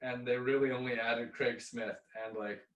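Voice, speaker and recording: A man's voice: medium pitch, level tone, moderate pace, distant mic, lo-fi sound. A man co-hosting a casual hockey chat, offhand and blunt. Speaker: podcast co-host. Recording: echoey room, off mic.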